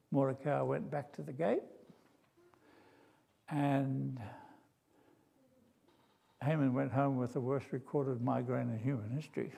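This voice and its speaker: A man's voice: mid-range voice, creaky, mellow, slightly rough. An older man from Australia preaching a sermon, telling a story with drama, humor and acted quotes. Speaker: pastor. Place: church.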